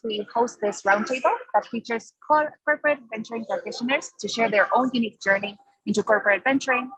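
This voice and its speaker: A woman's voice: mid-range voice, fairly bright tone, husky, no room sound, poor audio. A woman hosting an online session, giving an upbeat, formal welcome with occasional fillers. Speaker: event host introducing the session. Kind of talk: scripted welcome introduction.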